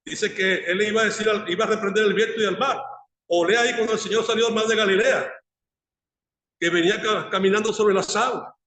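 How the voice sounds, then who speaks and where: High, bright Venezuelan pastor preaching. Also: male voice, fairly even intonation, brisk. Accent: Venezuelan Spanish. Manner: preaching, asks the congregation rhetorical questions. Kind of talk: sermon. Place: church hall. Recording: echoey church hall with long reverb.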